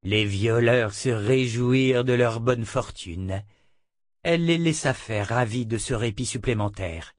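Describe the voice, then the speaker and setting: Narrating an audiobook, a man speaks in a measured, even storytelling way with a mid-range voice. It's studio-quality audio with no room sound.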